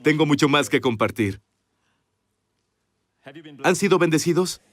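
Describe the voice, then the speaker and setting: A man's voice: a little high, lively intonation, a little slow. A man preaching a sermon earnestly, speaking directly to his congregation. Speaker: pastor.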